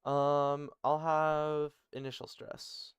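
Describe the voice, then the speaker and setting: Working on a made-up language, a man thinks aloud, musing, muttering and correcting himself as he goes. His voice sits a little high with a level tone, and he speaks slowly. The sound is clear and resonant in a dry recording.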